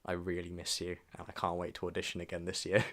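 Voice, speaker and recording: This young-adult vlogger's year-in-review voice-over is scripted yet informal and reflective, with casual asides along the way. He speaks fast and monotone, his low voice coming across a bit bright.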